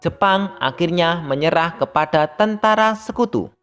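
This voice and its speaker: Brief: steady, even-toned teacher voice reading a primary school lesson aloud, faint music underneath. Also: mid-range voice, normal speed. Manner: reads steadily, addressing pupils as younger siblings. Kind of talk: scripted lesson narration.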